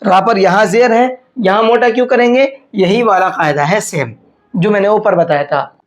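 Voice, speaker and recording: With faint music behind him, the Quran teacher explains tajweed pronunciation, quizzing himself and then supplying the answers with patience. His voice sits high, and he slows his speech to draw out the words he is demonstrating.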